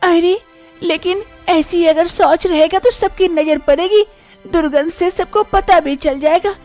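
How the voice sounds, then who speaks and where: A woman voicing a young village daughter-in-law in an animated storybook cartoon, anxious and chattering, often muttering to herself. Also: extremely high pitch, unhurried, faint music behind, voice pushed up. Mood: fretful.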